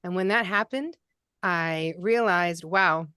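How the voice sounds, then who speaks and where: A woman grief counselor speaks as a podcast guest in a gentle, validating way. Her voice is smooth and clear. The sound is dry and close, with no room behind it. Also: lowish voice, takes it slowly, dry recording. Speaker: pet loss grief counselor. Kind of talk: interview guest.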